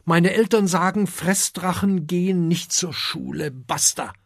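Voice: mid-range voice, unhurried, vocal fry, no room sound, studio quality, voice pushed up. A reader voicing a young, shy and slightly sad dragon in a children's story, talking in a grumbling, hesitant way. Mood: grumbly.

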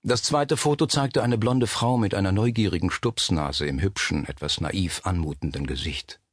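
A man reading a suspense novel aloud as narrator, measured and steady. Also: low-pitched, no room sound, studio quality. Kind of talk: scripted audiobook narration.

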